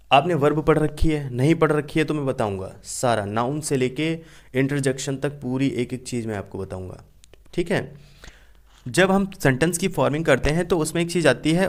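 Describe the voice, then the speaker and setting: Young male teacher, lively classroom explainer, acts out his examples. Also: a little high. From India. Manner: explains by repeating and asking questions back. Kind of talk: classroom grammar lesson.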